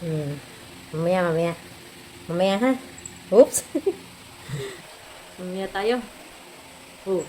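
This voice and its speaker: A woman's voice: on the low side, lively intonation, extremely slow, pauses often, a little mellow, a little hiss or hum, low-quality recording. A woman from the Philippines, feverish and unwell, vlogging at home and coaxing her cat in playful baby-talk with frequent giggles. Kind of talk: casual home vlog talk. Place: at home indoors.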